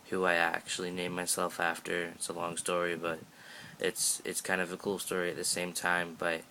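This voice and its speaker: Sixteen and Canadian, the vlogger rambles chattily through his update, cracking jokes and starting sentences over again and again. There's a bright, forceful edge to his low voice. A faint hiss runs under the audio from the phone he holds out at arm's length.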